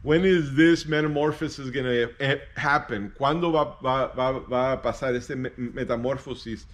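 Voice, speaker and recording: A man voicing a young boy who is excited and impatient about his pet caterpillar, in a high, pleading child's voice. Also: a little slow, natural voice. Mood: eager.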